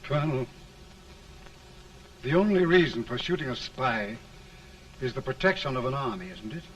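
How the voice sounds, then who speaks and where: An actor playing a tired, merciful general who speaks quietly and politely, heard as early talkie film sound. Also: male voice, expressive, moderate pace. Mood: weary. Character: weary, merciful older male general. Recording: distant mic, rumbly early film soundtrack.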